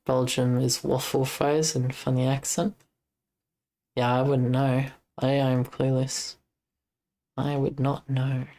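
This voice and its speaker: A woman's voice: very deep voice, flat delivery, slow pace, dark tone. An Australian woman streaming live, chatting casually in a rambling way and reading chat messages aloud before answering them. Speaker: livestreamer.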